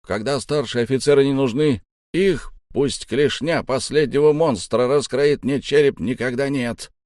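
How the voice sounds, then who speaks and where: Casting: man doing a short, sharp-tongued sailor who grumbles in a raised voice for an audiobook. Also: medium pitch, normal speed, no room sound, clean studio sound, voice pushed up, lightly acted. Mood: grumbling. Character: short grumbling male ship navigator.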